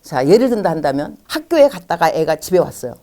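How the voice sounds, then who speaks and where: A woman's voice: lowish voice, quick pace. A middle-aged woman missionary giving a church lecture to parents, acting out parents and children in little quoted scenes. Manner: animated, acts out parents and children in quoted lines. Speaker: missionary speaker.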